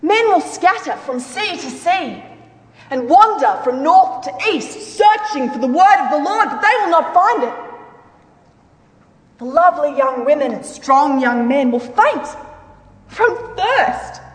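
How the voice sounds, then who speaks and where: Reading scripture in a church dramatic reading, a woman with a high, very animated voice proceeds a little slowly, her delivery solemn, declamatory and emphatic. Long reverb fills the echoey hall.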